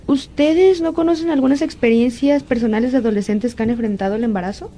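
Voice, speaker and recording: Young woman, frank and opinionated, fairly high voice. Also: steady tone, fast talker, mellow. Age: young adult. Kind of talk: casual group discussion.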